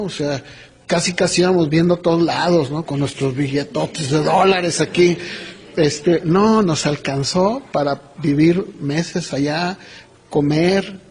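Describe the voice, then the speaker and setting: A man's voice: fairly high pitch, husky. A middle-aged man with a Mexican accent, preaching a sermon and acting out the dialogue of his story. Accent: Mexican Spanish. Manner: animated, acts out dialogue, laughs while telling. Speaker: pastor.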